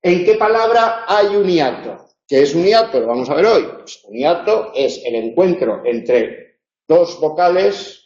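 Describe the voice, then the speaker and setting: A man's voice: a little high, very animated, measured pace, darkish tone. Man lecturing in a roomy classroom. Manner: explanatory, checks in with tag questions. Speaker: university lecturer. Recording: roomy, muffled lecture recording.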